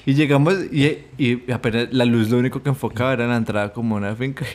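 A young man with a Colombian accent in a casual podcast chat, teasing his co-host with quick interjections. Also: medium pitch, fairly even intonation. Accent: Colombian Spanish.

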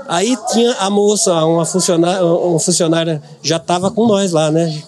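A man's voice: sits high, steady tone, normal speed, a crowd in the background. Middle-aged man telling an earnest story. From Brazil. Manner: earnest, repeats words for emphasis. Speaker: podcast guest, businessman. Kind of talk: emotional personal storytelling.

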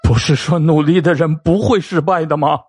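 A man voicing a cornered male doctor with a husky voice, bitter and desperate in an audio drama. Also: mid-range voice, big pitch swings, measured pace, faint music behind. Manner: rising into desperate shouts.

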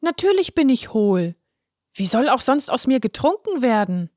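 A small, shy boy in a children's storybook speaks in a high, bright little voice, as a woman narrator puts him on. He sounds timid yet earnest and sincere. The recording is close and dry. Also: sing-song, normal speed, no room sound. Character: shy young drinking straw boy. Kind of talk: storybook reading.

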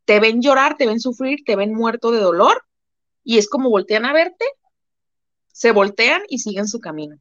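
A woman's voice: fairly high pitch, lively intonation, normal speed, fairly bright tone, no echo. A woman with a Mexican Spanish accent talks casually as a live-stream co-host, stressing her points by repeating them. The sound is dull and dry, with no room around her voice. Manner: emphatic, repeats phrases for effect.

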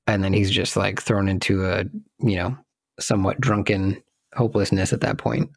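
A man's voice: low-pitched, fairly even intonation, normal speed, gravelly, no echo, clean studio sound. A man co-hosting a podcast, chatting casually about a film and thinking aloud as he searches for details. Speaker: podcast co-host.

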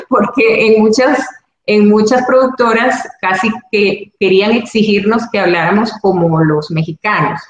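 Speaking at a measured pace in a medium pitch, this woman from Venezuela, who acts and produces, answers interview questions with earnest thoughtfulness in her Venezuelan Spanish accent. Faint noise sits behind her voice, and the room echoes heavily.

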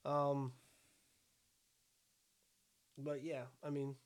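A young man co-hosting a podcast, chatting casually and opinionated, swearing freely with quick asides. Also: mid-range voice, monotone. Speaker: podcast co-host. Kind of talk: casual chat.

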